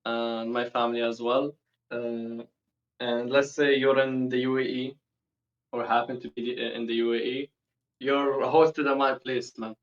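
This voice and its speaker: A man's voice: medium pitch, little pitch movement. Young man talking casually on a lo-fi call. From born and raised in the UAE, Palestinian. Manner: casual, slangy, quick bursts. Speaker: guest speaking from Gaza. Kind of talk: casual video call interview.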